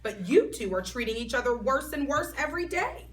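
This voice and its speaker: A woman reading aloud and voicing a patient male teacher who corrects and scolds calmly. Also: sits high, voice pushed up. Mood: stern calm. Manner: calm, measured, corrective. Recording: voice a bit far from mic, faint background noise.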